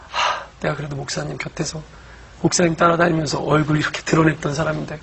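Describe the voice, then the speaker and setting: A man, a church deacon, telling his personal faith testimony in an earnest, emotional way, going from hushed to loud. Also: a little high, gravelly, poor audio.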